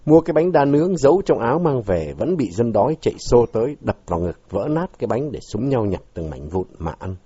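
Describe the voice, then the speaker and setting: A man reads a story aloud in an expressive, dramatic way, his pitch rising and falling a great deal. His voice is husky and dark. The recording is dull, dry and lo-fi. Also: fairly quick, hardly any pauses, dry recording. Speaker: narrator. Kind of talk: audiobook story reading.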